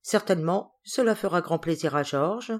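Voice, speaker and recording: A woman's voice: on the low side, expressive. A woman reading as a curt, stern uncle. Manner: curt, measured. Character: stern middle-aged uncle.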